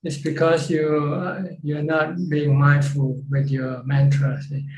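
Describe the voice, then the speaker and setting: Flat-voiced monk on a video call. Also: male voice, a little high, takes it slowly, slight background noise. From Thailand. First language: Thai. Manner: plain, repeats phrases while explaining. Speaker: Buddhist monk teacher. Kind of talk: dharma Q&A talk. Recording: roomy, dull video call audio.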